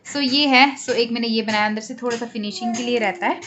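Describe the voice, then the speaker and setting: A young mother from Himachal chats casually in a home vlog, with a slightly high voice and a Himachali Hindi accent. She talks easily and mixes English phrases into her Hindi. There is a faint hiss behind her. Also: steady tone, brisk, a bit bright. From Himachal Pradesh, India. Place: home, indoors.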